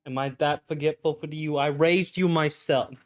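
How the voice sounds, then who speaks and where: A man running a tabletop game as game master, playful and teasing, quick to joke with his players. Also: on the high side, steady tone, no echo, faint music behind.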